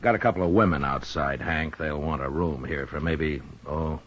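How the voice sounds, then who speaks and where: Marshal Dillon, deep-voiced laconic lawman. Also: moderate pace, fairly bright tone. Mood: businesslike. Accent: American. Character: laconic, steady, authoritative frontier US marshal, grown man. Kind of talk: 1950s radio western acting. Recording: dull, hissy old radio recording.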